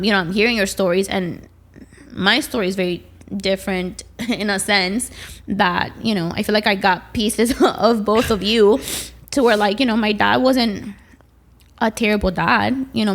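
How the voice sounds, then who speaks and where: A woman's voice: medium pitch, gravelly, a bit bright. A woman hosting a faith-based podcast, speaking reflectively and thinking aloud with "you know" asides. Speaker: podcast host. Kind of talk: faith-centered conversation.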